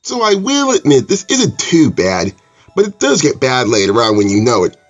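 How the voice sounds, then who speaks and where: A man's voice: mid-range voice, wildly swooping pitch, normal speed, faint music behind. A man giving casual, sarcastic and profane commentary as a movie reviewer.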